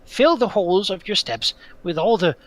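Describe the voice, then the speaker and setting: Man voicing a loud, fussy pixie-like little creature. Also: high-pitched, animated, moderate pace, pitched above the performer's own voice. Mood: greedy, scheming. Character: fussy, greedy little male mud creature. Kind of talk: tabletop role-play character voice.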